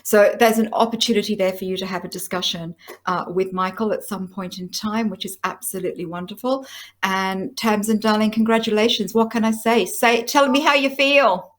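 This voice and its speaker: A woman's voice: mid-range voice, fairly even intonation, brisk. A woman hosting a live awards presentation, effusive and affectionate toward the winners. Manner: effusive, calls people "my girl" and "darling". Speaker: host announcing winners.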